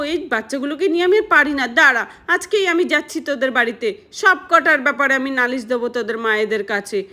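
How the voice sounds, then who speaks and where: A woman playing a shrill angry village aunt. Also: sharp tone. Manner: shrill, threatening, complaining. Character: angry scolding middle-aged village aunt. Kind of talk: doll-play storytelling.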